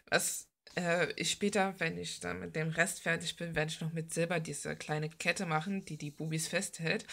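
A woman with a deep, creaky, slightly bright voice rambles casually while drawing, like an informal art vlogger. She's blunt and slangy, gushing about the details.

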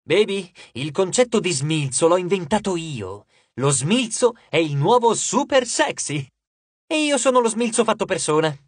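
Man voicing a cocky teen boy, showy and mocking, lively swoops, dry close sound. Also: sits high, normal speed, breathy edge, no echo, exaggerated voice. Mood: boastful. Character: cocky teenage boy hero, boastful joker.

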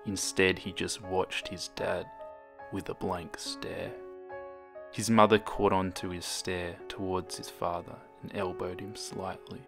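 A man reading a horror story aloud in a steady, somber and measured way. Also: low voice. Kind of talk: scripted horror story narration. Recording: background music.

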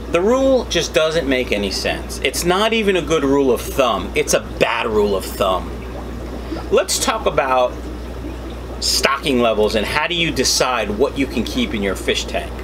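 A man's voice: mid-range voice, normal speed. A middle-aged man hosting a debunking vlog in a casual, opinionated way, explaining informally to the camera. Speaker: host of a fishkeeping channel. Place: small indoor fish room full of tanks. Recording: steady background hum and noise.

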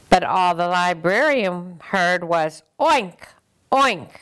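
An older woman gently and expressively reading a picture book aloud to children as a storyteller. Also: lowish voice, smooth.

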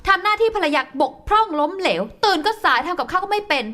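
An impulsive young wife in a radio drama, voiced by a woman. Her high, bright voice carries sarcastic, emotional jabs at her husband. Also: animated, quick pace.

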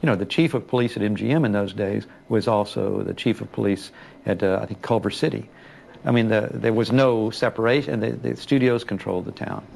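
A man's voice: fairly low pitch, brisk, vocal fry, a little mellow, a little hiss or hum. A man speaking reflectively in a documentary interview about making a film. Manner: reflective, conversational.

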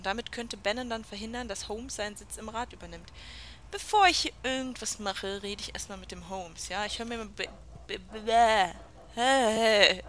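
A woman's voice: mid-range voice, a bit bright, slight background noise. A woman hosting a let's play, chatting sarcastically while reading the game's dialogue aloud. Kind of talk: gameplay commentary.

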